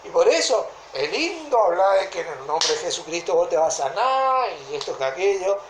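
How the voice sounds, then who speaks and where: A woman with a Rioplatense Argentine accent preaching a sermon in a deliberate way, often stopping to ask whether listeners follow. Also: fairly low pitch, sing-song, noisy background. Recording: echoey room.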